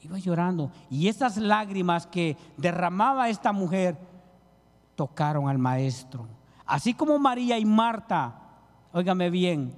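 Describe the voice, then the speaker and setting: A man preaching a sermon, pleading with his listeners and calling them brother. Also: high-pitched. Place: church hall. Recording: reverberant church hall.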